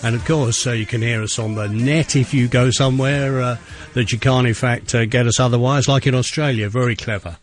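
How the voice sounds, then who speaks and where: A middle-aged man presenting a radio show in a chatty, enthusiastic way, pausing on many "uh"s. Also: mid-range voice, fairly even intonation.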